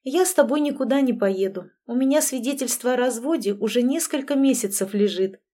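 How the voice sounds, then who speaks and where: A woman voicing a calm, firm young mother. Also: fairly high pitch, fairly quick, close to an everyday voice. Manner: calm, steady, resolute. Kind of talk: audiobook reading.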